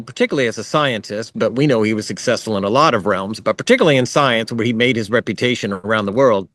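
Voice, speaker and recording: A man's voice: mid-range voice, fairly bright tone, dry recording. A man giving an online history lecture in a conversational way, with fillers and friendly asides. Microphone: video call.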